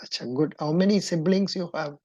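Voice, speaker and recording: A woman's voice: lowish voice, brisk, dark tone, dry recording, lo-fi sound. A woman with a Kannada-influenced Indian English accent, coaching a mock interview in an encouraging, instructive and probing way.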